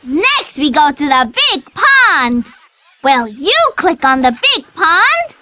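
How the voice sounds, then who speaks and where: A young actress voicing a cheerful girl explorer in a children's game, coaxing the player along in an upbeat way, with loud game music behind. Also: sits high, sing-song, takes it slowly, slight background noise, heavily acted.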